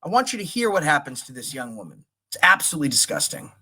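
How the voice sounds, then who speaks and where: A man's voice: on the high side, sing-song, fast talker, pushed and bright, slightly rough. A man hosting a livestream, indignantly commenting on footage and talking directly to his chat. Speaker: livestream host.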